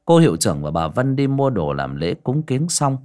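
A man's voice: medium pitch, big pitch swings, normal speed, dark tone. A man narrating a comic folk story in a colloquial, earthy way. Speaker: audiobook narrator.

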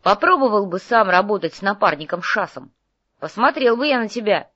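A woman's voice: medium pitch, lively intonation, normal speed, no echo, muffled recording, close to an everyday voice. A woman voicing a lazy, always-hungry male fortune-teller mage who whines and teases. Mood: whining. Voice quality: whiny, teasing.

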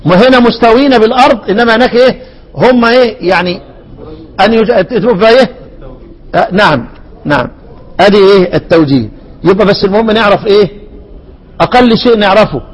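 A man's voice: high voice, brisk, long pauses, poor audio. A man with an Egyptian accent teaching Quran recitation in a classroom lecture, quizzing students with rhetorical questions and drilling word forms again and again. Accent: Egyptian Arabic.

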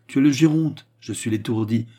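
A man's voice: medium pitch, moderate pace, mellow, natural voice. A man voicing a scheming, garrulous old male baron who needles his son, in an audiobook reading. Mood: needling. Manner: sly, needling, boisterous. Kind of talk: audiobook character voice.

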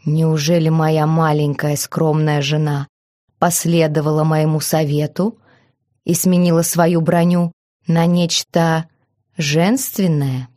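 A woman's voice: low-pitched, no room sound, clean studio sound. Woman reading as a lazy, teasing husband. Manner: lazy, unhurried, mocking calm. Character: lazy, teasing young husband, self-assured.

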